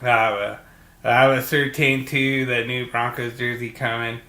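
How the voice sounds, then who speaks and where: Podcast co-host, man, bright and forceful voice, enthusiastic and filler-heavy, recorded in an echoey room. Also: mid-range voice, little pitch movement, moderate pace. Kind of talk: casual chat.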